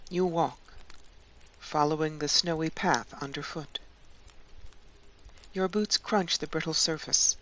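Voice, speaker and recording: A woman hosting her channel and leading a guided meditation in a calm, soothing voice. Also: deep voice, a little hiss or hum. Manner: slow, calm, soothing delivery with long pauses.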